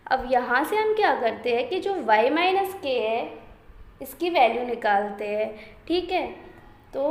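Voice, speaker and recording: A woman teaching math step by step, often asking the class a question and checking they follow. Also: fairly high pitch. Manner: slow, step-by-step, repeated questions and "theek hai" checks. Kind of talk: blackboard math lesson in Hindi-English mix. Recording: echoey room with faint ambient noise.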